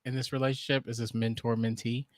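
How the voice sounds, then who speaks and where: A man co-hosting a podcast shares his views in a halting, restarting way as he thinks aloud. His voice has a middling pitch. The recording is dry and close. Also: flat delivery, dry recording. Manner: halting, with frequent restarts and um's. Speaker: podcast co-host. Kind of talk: casual review chat.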